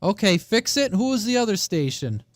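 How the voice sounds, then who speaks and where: A man's voice: high voice, big pitch swings, normal speed, noisy background. A man chatting casually and bluntly as a radio operator hosting a live channel.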